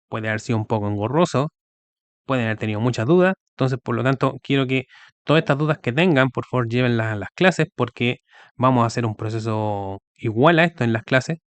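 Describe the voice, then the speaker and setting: A man's voice: medium pitch, no echo. A man giving a recorded video lecture, explaining step by step and often checking with the students. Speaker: teacher.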